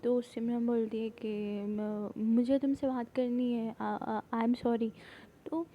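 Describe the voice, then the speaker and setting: A woman casually retelling a drama plot, rambling with many fillers and halting restarts. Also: a little high, level tone, lo-fi sound, a little hiss or hum. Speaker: storyteller recapping a drama plot.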